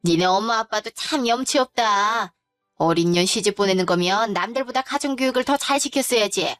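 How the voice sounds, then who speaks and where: A woman's voice: medium pitch, moderate pace, fairly bright tone, dry recording, clean studio sound, soft background music, natural voice. A woman voicing a domineering older mother-in-law who scolds her young daughter-in-law with contempt, in a spoken story. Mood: scornful.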